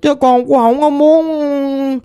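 A woman's voice: sits high, fairly even intonation, mellow, pitched above the performer's own voice. A woman doing a pleading teenage girl ghost. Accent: Southern Vietnamese. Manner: pleading, slow and plaintive.

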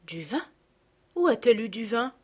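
A woman's voice: a little high, big pitch swings, normal speed, slightly rough, pitched above the performer's own voice. A woman voicing a timid pleading little girl. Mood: subdued. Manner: soft, hesitant, pleading. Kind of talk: audiobook character reading.

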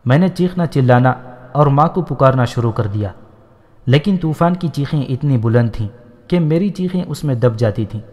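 A man's voice: mid-range voice, animated, muffled recording, close to an everyday voice. A man reading the lines of an innocent, playful young woman in a storybook, in a simple, artless manner. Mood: recalling. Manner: simple, artless speech with quick wit. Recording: long hall reverb.

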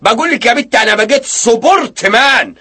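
A puffed-up rustic husband in an Egyptian radio comedy, full of bluster. His voice is bright and a touch husky, and his lines leap up and down. He scolds and brags in the same breath. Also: very high-pitched, animated, heavily acted. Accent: Egyptian Arabic. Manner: blustering and scolding, quick to shout. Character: boastful, bossy rustic husband, newly self-important. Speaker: lead comic actor.

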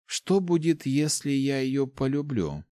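A man's voice: mid-range voice, big pitch swings, a little slow, mellow, no room sound, studio quality, voice pushed up. A man voicing a hesitant young woman student. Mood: pleading. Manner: hesitant, pleading questions. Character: young female student, earnest and curious.

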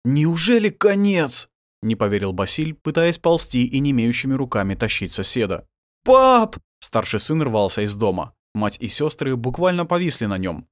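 A man narrating an audiobook in a dramatic, expressive reading. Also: fairly low pitch, fairly quick, few pauses, dry recording, studio quality. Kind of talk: scripted narration.

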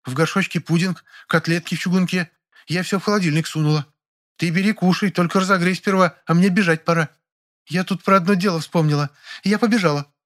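A man voicing a doting older housekeeper woman who frets, laments and rattles off her words in a rapid patter. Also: high-pitched, steady tone, fairly bright tone, voice pushed up. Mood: hurried.

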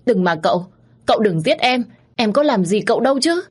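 A woman's voice: lowish voice, normal speed, a little mellow, natural voice. A woman voicing a timid young servant girl who speaks meekly and pleads. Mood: terrified. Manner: meek, pleading.

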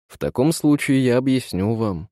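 A man's voice: medium pitch, lively intonation, moderate pace, warm tone, no echo, clean studio sound, natural voice. A man voicing a composed young man who speaks in a level, firm way in a read-aloud story.

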